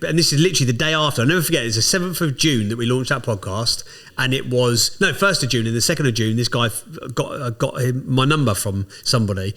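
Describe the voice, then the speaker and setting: Podcast guest, man, rapid and animated, salty language. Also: mid-range voice. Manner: fast, swears freely, animated storyteller. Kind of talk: casual storytelling chat.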